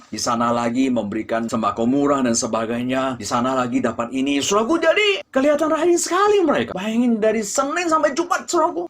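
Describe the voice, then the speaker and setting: A man preaching a sermon as pastor, addressing the congregation often and swinging between loud and hushed delivery. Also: medium pitch.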